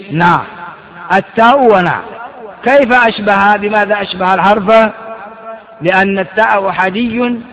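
A man teaches an Arabic grammar class, quizzing his students, correcting their mistakes and often repeating phrases. His voice sits high with a fairly bright tone, captured in a dull lo-fi recording with long reverb.

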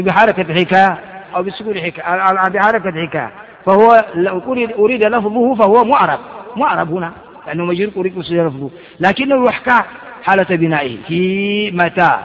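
A man's voice: sits high, fairly bright tone. A man teaching an Arabic grammar class, quizzing his students with questions and correcting their mistakes, often repeating phrases. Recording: dull lo-fi recording with long reverb.

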